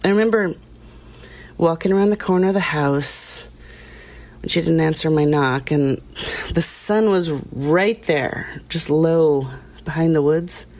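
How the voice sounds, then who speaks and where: An actress voices a tired, uneasy small-town woman giving testimony in an audio drama. She recollects hesitantly and plainly, confiding with pauses, in a low, slightly mellow voice.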